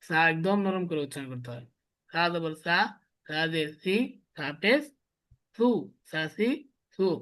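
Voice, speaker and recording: A man's voice: high-pitched, a bit bright. A man teaches a beginners' class on the Arabic alphabet. He drills the letter sounds one syllable at a time, repeats them often and keeps asking his students to say them back. His first language is Bengali. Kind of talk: classroom lesson with call-and-response drilling.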